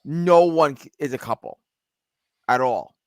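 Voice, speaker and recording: A man's voice: fairly high pitch, expressive, unhurried, dry recording. A man co-hosting a podcast in casual chat, rambling with lots of fillers and restarts. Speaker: podcast co-host.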